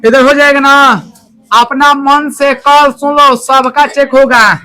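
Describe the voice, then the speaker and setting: A male teacher, teaching English to a classroom in loud, repetitive drills and often checking that students understand. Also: very high-pitched, fairly even intonation, slow pace.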